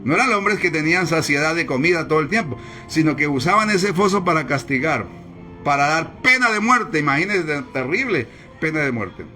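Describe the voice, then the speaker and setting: A male pastor delivers a sermon in a high voice with a bright, forceful edge. He preaches emphatically, repeating key phrases to drive them home. Quiet music runs underneath. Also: animated, moderate pace. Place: church service, streamed live.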